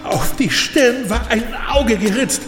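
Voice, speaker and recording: A man's voice: very high-pitched, expressive, unhurried, a bit bright, full character voice. An actor in an audio drama playing a frightened older man fleeing monsters, stammering, cursing and asking agitated questions. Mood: horrified. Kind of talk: German audio drama acting. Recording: echoing hall, music behind.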